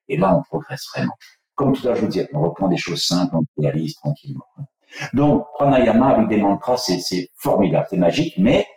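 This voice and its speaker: A man teaching yoga breathing in an interview, speaking slowly and chanting mantras as he explains them. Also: lowish voice, gravelly, darkish tone, distant mic. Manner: slow, measured, chanting mantras. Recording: echoey room, voice from off-mic.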